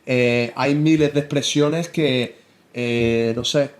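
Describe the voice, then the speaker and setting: A young Spanish man with a Spain Spanish accent, a football analyst chatting in an interview, halting with many restarts. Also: medium pitch, fairly even intonation, slight background noise. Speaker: football analyst and coach, guest. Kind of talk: casual interview chat.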